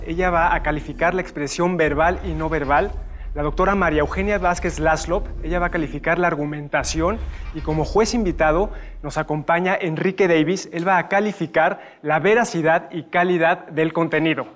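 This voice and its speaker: A man's voice: on the high side, normal speed, fairly bright tone. A man hosting a televised student debate show, presenting in an upbeat, announcer-like way. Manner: enthusiastic, announcer-like introductions.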